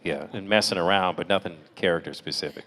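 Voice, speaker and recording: A male voice actor answering fan questions on a convention panel, animated and playful. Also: deep voice, quick pace. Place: large convention hall. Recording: echoey convention hall.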